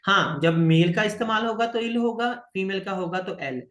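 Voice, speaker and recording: A man's voice: high-pitched, moderate pace, a bit bright, echoey room. A man with an Indian accent teaching French to students, patiently repeating words and checking that they follow. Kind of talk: online French lesson.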